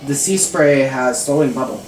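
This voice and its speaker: A man's voice: medium pitch, moderate pace, slight background noise. A man playing a tabletop game, talking in a hesitant way and repeating words. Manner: animated, hesitant, repeats himself. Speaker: player. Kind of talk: casual tabletop play. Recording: distant from mic in an echoey room.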